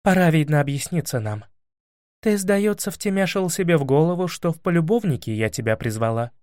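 A man voicing a shrewd grown princess in an audiobook, calm, commanding and lecturing. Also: fairly high pitch, brisk, no echo, clean studio sound, close to an everyday voice. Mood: stern. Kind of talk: audiobook character voice.

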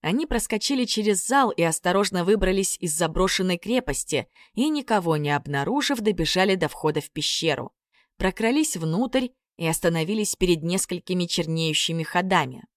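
A woman with a low voice reads a fairy tale aloud, bringing expression to the storytelling. The recording is dry and close, with no room sound around her. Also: animated, brisk, dry recording. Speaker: narrator. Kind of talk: audiobook narration.

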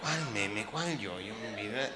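A man's voice: lowish voice, expressive, measured pace, bright, forceful tone, pitched below the performer's own voice. A man with a Mexican accent voicing an exasperated wife who scolds sarcastically. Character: exasperated wife brushing her teeth. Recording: live hall recording, audience, echo.

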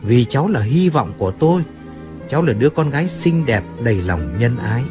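A man's voice: medium pitch, sing-song, brisk, natural voice. A man reading as a pleading old undertaker. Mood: sorrowful. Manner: plaintive, deferential pleading. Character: aging Italian-American undertaker, pleading and self-pitying. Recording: faint music in background.

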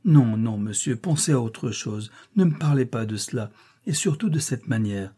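A man's voice: medium pitch, animated, moderate pace, dark tone, husky. A man reading aloud and voicing a shy, earnest young governess in a classic novel. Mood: pleading.

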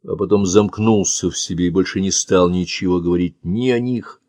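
A man's voice: sits low, moderate pace, darkish tone, no echo. A man narrating a novel in the first person with a tense, emotive delivery. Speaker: audiobook narrator.

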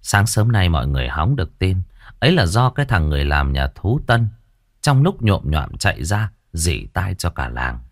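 Low-voiced man telling a ghost story. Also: moderate pace, no echo, studio quality. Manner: dramatic, expressive storytelling. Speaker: narrator.

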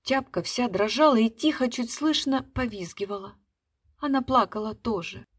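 A woman narrating a literary short story in an expressive storytelling manner. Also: on the high side, moderate pace, breathy edge. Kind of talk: literary reading.

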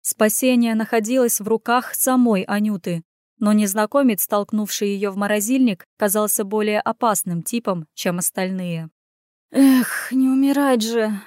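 A woman narrating a fantasy audiobook in an expressive storytelling manner. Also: mid-range voice, normal speed, no room sound, clean studio sound.

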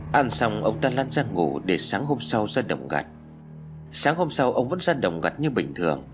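A man narrating a first-person ghost story in an expressive reading. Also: lowish voice.

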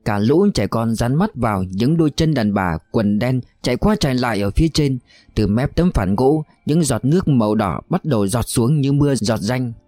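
A man narrating a novel in a steady, even storytelling voice. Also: medium pitch, normal speed, no echo.

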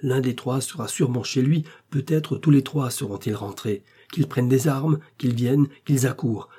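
Hot-headed and bold, this young swordsman barks orders with urgency, as a male narrator puts him on. The voice stays mellow and slightly husky. It is a classic adventure storybook read. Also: mid-range voice, moderate pace, natural voice. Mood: urgent.

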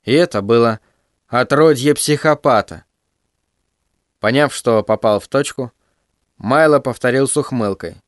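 A middle-aged man narrating an audiobook in a vivid, expressive storytelling manner. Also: mid-range voice, measured pace, long pauses, no echo, studio quality.

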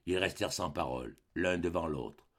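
A man reading a classic novel aloud as an audiobook narrator, with measured, dramatic delivery. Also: deep voice. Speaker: audiobook reader. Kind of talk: scripted literary narration.

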